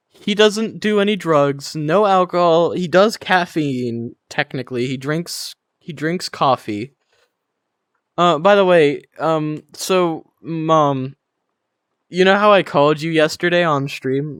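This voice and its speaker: A man's voice: on the high side, clean tone, dry recording, studio quality. A young man streaming, telling a crude story to his chat with lots of laughter and swearing.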